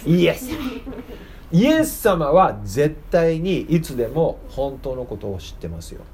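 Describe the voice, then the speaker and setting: A man's voice: a little high, very animated, measured pace, a little mellow, a little hiss or hum. A man giving a casual sermon to children, chatting and asking them questions. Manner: chatty, asks the audience questions. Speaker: preacher teaching children.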